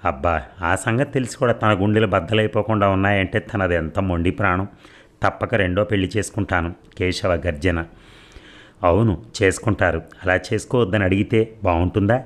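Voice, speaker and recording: A man narrating a novel as an audiobook in a steady, measured storytelling manner. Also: sits low. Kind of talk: novel reading.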